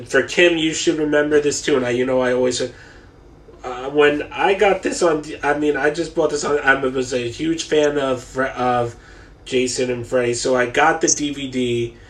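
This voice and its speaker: A man's voice: medium pitch, distant mic, poor audio. A man co-hosting a casual podcast, chatting enthusiastically and reminiscing. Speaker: podcast co-host. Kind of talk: casual chat.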